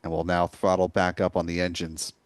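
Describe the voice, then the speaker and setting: A man's voice: low-pitched, completely flat delivery, a little fast, clear, resonant tone, no echo. A man hosting a live launch webcast, explaining events in a composed way.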